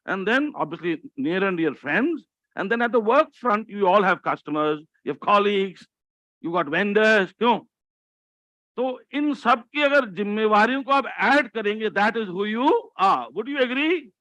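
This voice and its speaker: A man's voice: high voice, expressive, quick pace, pushed and bright, no room sound, muffled recording. A man in his sixties with an Indian English accent, giving a motivational keynote talk, joking and quizzing the audience. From India, grew up in Delhi. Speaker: motivational speaker.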